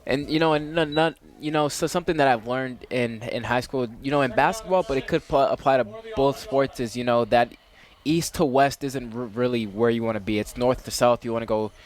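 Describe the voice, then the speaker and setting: A teenage man, a student player, doing casual play-by-play commentary for a high school football game, with frequent restarts. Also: fairly quick, few pauses. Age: teens.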